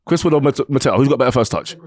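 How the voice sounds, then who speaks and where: A man's voice: medium pitch, very fast, a little mellow. A man co-hosting a football podcast who talks in playful, teasing banter full of slang. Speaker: podcast co-host.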